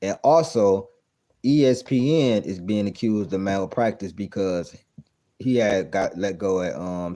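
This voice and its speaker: This is a man in his 30s hosting a reaction video, his voice low and mellow as he comments casually on a clip. He sounds incredulous, swears freely, talks bluntly, and repeats himself.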